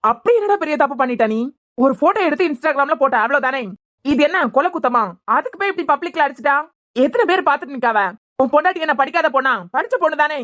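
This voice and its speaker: A woman voicing a fast-talking hot-tempered young man. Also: mid-range voice, darkish tone, natural voice. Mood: indignant. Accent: Kanyakumari Tamil. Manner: fast, scolding, argumentative. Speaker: voice artist. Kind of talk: cartoon serial dialogue.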